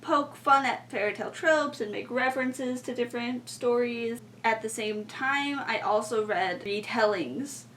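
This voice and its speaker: A young adult woman, a podcast co-host and student writer, explains things in a casual, rambling way, with plenty of informal filler words. Her voice is fairly high and a bit bright, a little slow yet hardly pausing. The mic sounds distant, with faint background noise.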